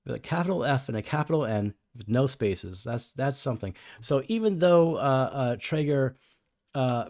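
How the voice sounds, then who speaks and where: A man's voice: medium pitch, darkish tone, no room sound, clean studio sound. A man co-hosting a podcast in casual chat, musing wryly and repeating himself. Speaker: podcast co-host.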